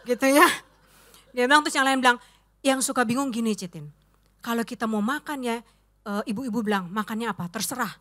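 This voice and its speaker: A woman's voice: a little high, brisk, pauses often. A woman pastor preaching a sermon, telling anecdotes and acting out the voices of the people in them. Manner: animated storytelling, acting out quoted voices; addresses the congregation as "saudara".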